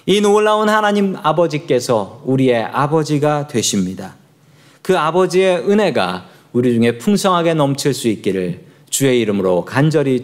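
Animated Korean male pastor preaching. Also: a little high. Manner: lively storytelling, acts out voices of biblical figures. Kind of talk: sermon.

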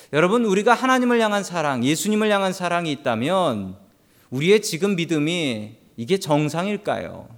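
A male pastor delivering a sermon in a fairly high voice that swings widely up and down. He tells stories with lively humor and speaks directly to the congregation. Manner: animated storytelling with humorous asides to the congregation.

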